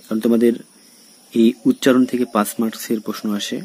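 A man from Bangladesh, a college lecturer, giving a recorded lesson and speaking straight to his students, slowly explaining and repeating example words. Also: mid-range voice, level tone, a little mellow, slight background noise. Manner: addresses students directly.

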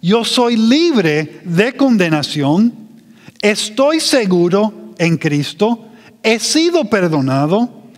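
A man preaching a sermon as pastor, slow and emphatic, drawing out his phrases. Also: high-pitched, big pitch swings, in a large hall.

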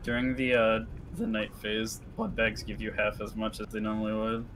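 A man's voice: fairly low pitch, level tone, moderate pace, background noise. A man on a voice call explaining game rules matter-of-factly to his friends. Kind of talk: casual gaming chat on voice call.

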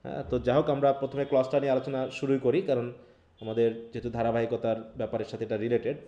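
A man's voice: medium pitch, mellow. A man with a Bangladeshi Bengali accent teaching an online English class, explaining step by step and keeping the students involved with questions. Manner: keeps checking in with students by asking questions. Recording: echoey room.

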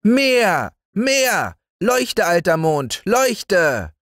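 A man voicing a demanding, greedy little boy who shouts insistently for more. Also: very animated, drawn-out words, no room sound, studio quality, full character voice. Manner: shrill and insistent.

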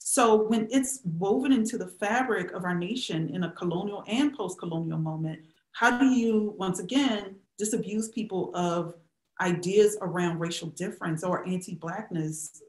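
A middle-aged woman, a historian, answering questions on a video call, speaking with emphasis and many rhetorical questions. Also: on the low side. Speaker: historian and professor, guest speaker. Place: small indoor room at home. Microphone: webcam on a video call. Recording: roomy webcam sound.

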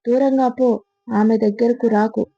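A woman's voice: on the high side, fairly even intonation, measured pace, husky, no room sound. A woman voicing a desperate, protective husband in a told horror story, urgent and commanding. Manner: urgent, shouting orders. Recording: slightly muffled, faint music behind.

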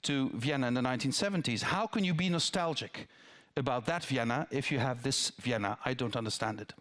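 At a town-hall dialogue on a theatre stage, an older man from the Netherlands, a politician, replies to audience questions through a headset mic. His mid-range voice is fairly quick and fairly bright in tone. He's thoughtful, restarting now and then and making asides.

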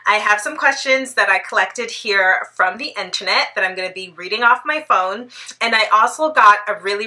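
Speaking to camera from a bright living room, a woman in her thirties from Toronto runs a casual, playful Q&A with a Canadian accent and frequent laughter. Her voice is mid-range with a sharp tone, and the recording is rough.

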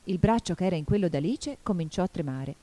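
A woman reads a storybook aloud with a low, mellow voice. Her delivery is expressive and measured, with lively swings of pitch. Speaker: audiobook reader. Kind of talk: storybook narration.

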